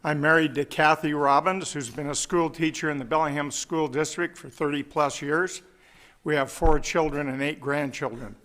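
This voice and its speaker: A man's voice: fairly high pitch, steady tone, normal speed, a bit bright. A man over sixty, a candidate, giving a plain, matter-of-fact prepared opening statement at a forum. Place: meeting hall.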